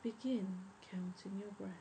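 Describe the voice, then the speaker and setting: A woman leading a guided breathing meditation in a soft, soothing, measured spa voice that often trails toward a whisper. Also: medium pitch, poor audio. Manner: measured, instructive. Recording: faint background noise and ambience.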